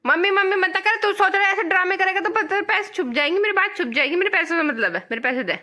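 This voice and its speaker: A woman, her voice high and bright. She keeps pressing and accusing in a prank-style home vlog, often breaking into laughter. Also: lively intonation, fast talker. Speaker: vlogger.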